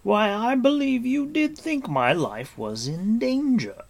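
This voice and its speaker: A man playing a noble, wise warrior lord who speaks formally with measured authority in a storybook reading. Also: fairly high pitch, big pitch swings, creaky, voice pushed up, exaggerated voice. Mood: gently chiding. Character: noble, wise, commanding warrior lord, grave but gentle.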